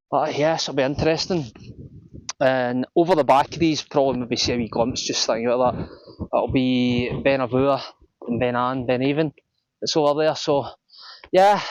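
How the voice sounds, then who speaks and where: A man's voice: medium pitch, no room sound. A Scottish man chatting casually to viewers as a hillwalking vlogger, talking over gusty wind on an exposed mountain top. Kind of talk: casual outdoor vlog chat to viewers. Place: outdoors on a windy, snowy mountain. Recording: dull lo-fi outdoor recording in gusty wind.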